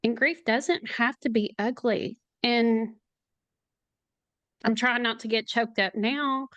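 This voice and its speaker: A middle-aged woman, a podcast guest, speaking in a slow, halting, emotional way, near tears at times. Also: on the high side, fairly even intonation, fairly bright tone, no room sound. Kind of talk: podcast interview.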